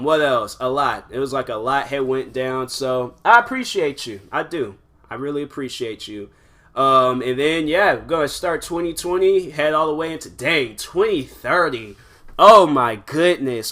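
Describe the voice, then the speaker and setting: A man's voice: a little high, sharp tone. A man in his twenties hosting his own podcast alone, rambling casually with lots of "like" and restarts. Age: 20s. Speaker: podcast host. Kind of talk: casual solo podcast monologue.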